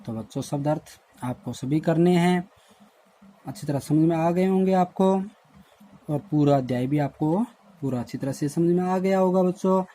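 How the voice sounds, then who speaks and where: A man teaching a lesson to schoolchildren in a recorded online class, explaining word meanings slowly and repeating himself. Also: fairly high pitch, mellow. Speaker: Hindi teacher.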